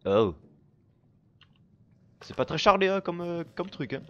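A man giving casual gameplay commentary while he plays, swearing constantly and breaking into excited outbursts. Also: a little high, a little slow, dull audio. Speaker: let's play gamer.

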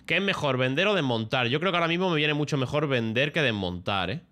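A man's voice: medium pitch, lively intonation, fast, sharp tone. A man, chatting casually and swearing while commentating a game late at night. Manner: chatty, swears freely, thinks aloud. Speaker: streamer.

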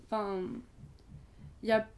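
A young woman in her twenties talks as a podcast guest in a relaxed, chatty way. She strings her thoughts together with fillers and restarts, never quite finishing one sentence before the next begins. Her pitch sits in an ordinary middle range. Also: a little slow. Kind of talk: casual conversation.

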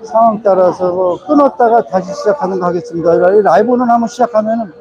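A man's voice: sits high, fast talker. A man casually explaining crab prices while live-streaming on his phone from a busy indoor fish market. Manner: casual explanatory, talks over auction noise. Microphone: phone held while filming. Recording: muffled phone audio, loud crowd.

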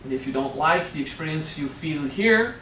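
A middle-aged spiritual teacher with a French accent gives a playful workshop in a hotel meeting room, repeatedly checking in with "okay?". His voice is a little high, bright and forceful, animated at a moderate pace. The far camera makes it echoey, with slight background noise.

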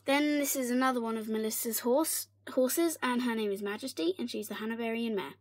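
A young woman talks through a tour of her toy stable in a bright, fairly high voice. She is chatty and giggly, drops into whispered asides now and then, and films on a handheld phone indoors in her bedroom. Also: a little fast. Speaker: toy barn vlogger. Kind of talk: casual toy tour narration. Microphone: handheld phone camera.

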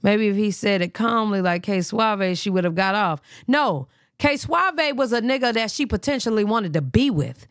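A woman's voice: mid-range voice, animated, moderate pace, hardly any pauses, clean tone, no room sound, clean studio sound. A woman hosting a live reaction stream in blunt, profane casual talk. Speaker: livestream host.

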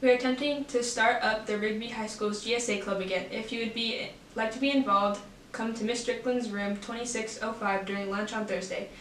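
A woman's voice: on the high side, steady tone, brisk, a bit bright. A teenage young woman co-anchoring school announcements, reading the news items from a script. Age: teens. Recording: roomy echo, faint noise.

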